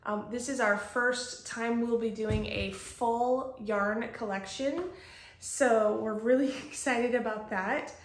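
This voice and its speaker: A woman's voice: on the high side, fairly even intonation, slow pace. A woman in her forties hosting a casual podcast, chatty with many ums, recorded in a bare room that sounds echoey. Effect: echoey empty room. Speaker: podcast host and shop owner. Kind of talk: casual chat. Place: empty home office with bare walls.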